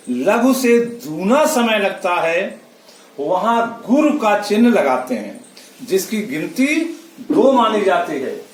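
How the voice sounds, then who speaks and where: A man teaching a classroom lesson, drawing out each syllable as he counts. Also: high-pitched. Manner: slow, drawn-out syllables while counting. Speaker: school teacher. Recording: roomy, distant from the mic.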